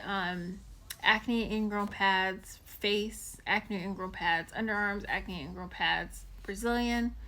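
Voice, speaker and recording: A woman's voice: mid-range voice, fairly bright tone, slight background noise. A young woman hosting a casual livestream, explaining a skincare tracker with lots of ums and likes and greeting viewers by name. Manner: frequent ums and likes, loose rambling flow. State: chewing candy. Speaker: livestream host and waxing specialist.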